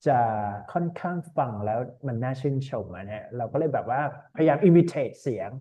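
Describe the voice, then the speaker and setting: Over an online call, a male IELTS tutor runs a speaking class with a medium-pitched voice at a moderate pace. He talks in a relaxed way, mixing English words into his Thai.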